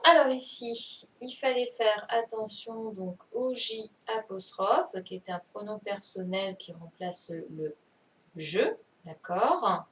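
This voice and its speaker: A primary school teacher, a woman with a medium-pitched voice, corrects a dictation in an online class, speaking slowly and patiently, repeating herself and checking understanding. Her computer mic on the video call sounds distant, with faint noise.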